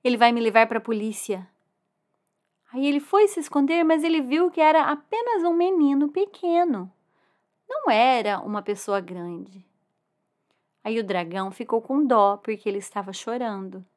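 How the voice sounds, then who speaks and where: A woman narrating a children's story expressively. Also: high-pitched. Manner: animated, expressive, drawn-out words.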